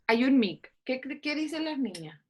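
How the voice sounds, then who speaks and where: A woman's voice: high-pitched, big pitch swings, normal speed, breathy edge. A woman teaching an online dentistry class, coaxing students to answer questions with frequent fillers over a video call. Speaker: dentistry lecturer.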